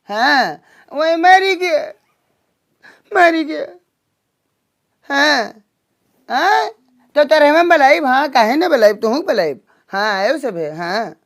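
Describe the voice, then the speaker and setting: A man voicing a deaf old village aunt in a shrill, whiny Awadhi-accented voice. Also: a bit bright, heavily acted.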